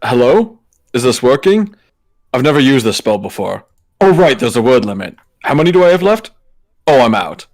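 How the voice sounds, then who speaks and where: A man's voice: mid-range voice, very animated, darkish tone. A man doing a flustered adventurer fumbling a spell. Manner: hurried and flustered.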